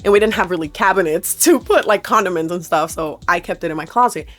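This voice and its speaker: A woman in her twenties talking to camera in a casual storytime chat, animated and swearing, often laughing and quoting people in voices. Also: lowish voice, fast talker. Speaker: vlogger.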